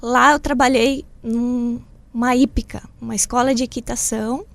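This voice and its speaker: A woman's voice: a little high, fairly even intonation, moderate pace, creaky. Woman telling her life story on radio. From southern Brazil. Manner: simple, plain storytelling with frequent tag questions. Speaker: shop owner, interview guest. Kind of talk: radio interview. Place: radio studio.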